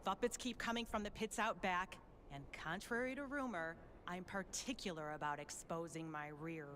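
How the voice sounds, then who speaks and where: A woman's voice: on the low side, moderate pace, fairly bright tone, natural voice. A woman performs a hard-nosed ex-soldier in a zombie video game. She is blunt, defiant and sardonic, giving orders over faint background noise. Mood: grudging, businesslike. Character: gruff, defiant female ex-army survivor. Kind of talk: scripted video game acting.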